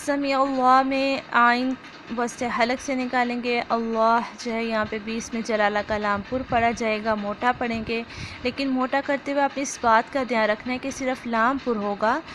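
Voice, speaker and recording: A woman with an Urdu accent teaching an online lesson, reciting phrases slowly and then explaining pronunciation step by step. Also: on the high side, level tone, a bit bright, slight background noise. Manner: slow drawn-out recitation, then brisk explanation.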